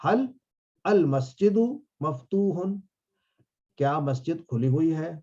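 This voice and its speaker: A man teaching a class, drilling phrases slowly and quizzing his students. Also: fairly high pitch, dark tone, lo-fi sound. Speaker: Arabic teacher.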